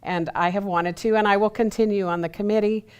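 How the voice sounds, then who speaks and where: A woman's voice: medium pitch, fairly even intonation, fairly quick, darkish tone, smooth. A woman appearing as a studio guest on a local TV interview, speaking enthusiastically with lots of fillers. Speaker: committee chair, studio guest.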